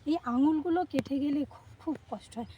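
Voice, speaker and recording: A woman's voice: high voice, quick pace, mellow, slight background noise. A young woman talks straight to her viewers in a casual, chatty way while she cuts rice. She is recorded outdoors in an open field on a phone camera, and faint rural sounds and birds come through behind her. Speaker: vlogger. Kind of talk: casual vlog narration. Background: faint rural outdoor ambience, birds.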